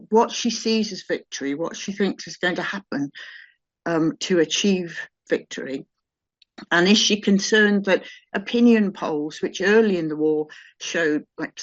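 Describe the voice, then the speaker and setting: A woman's voice: fairly low pitch, dry recording. A woman asking an earnest question in a meeting over a video call. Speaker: audience member asking a question. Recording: dull, dry lo-fi call audio.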